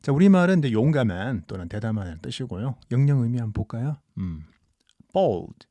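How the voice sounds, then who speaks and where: A man teaching English as a channel host, explaining calmly and patiently and drawing out the example sentences in a relaxed, podcast-style lesson. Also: medium pitch, fast talker, no echo.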